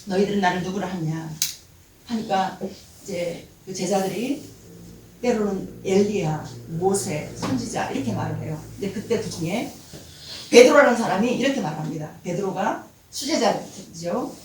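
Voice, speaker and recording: A woman's voice: medium pitch, expressive, normal speed, noisy background. A middle-aged woman pastor, telling a testimony sermon with dramatic storytelling. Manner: dramatic storytelling, acting out quoted prayers. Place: church sanctuary. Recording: echoey hall from far off.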